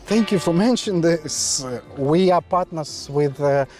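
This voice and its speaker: High-voiced man. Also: a little mellow, faint music behind. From Kazakhstan. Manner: halting, hesitant with frequent pauses. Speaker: interviewer and education agent. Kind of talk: conversational interview.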